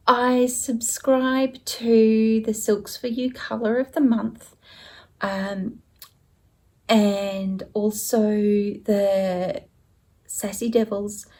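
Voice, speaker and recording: Middle-aged woman, home craft vlogger; slow, rambling, self-correcting casual chat. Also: on the high side. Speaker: stitching vlogger. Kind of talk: casual show-and-tell chat.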